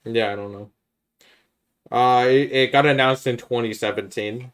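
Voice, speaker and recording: In a casual, opinionated film chat, a man co-hosting a podcast speaks bluntly and critically. His voice is medium-pitched and steady in tone, at a normal speed.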